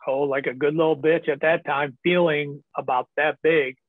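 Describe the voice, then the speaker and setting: Guesting on a podcast, a man shares candid stories from earlier in his life, with frequent laughs and plenty of ums. He speaks at a moderate pace in a fairly high, steady voice. It's a dry, tinny, phone-like recording with no room sound.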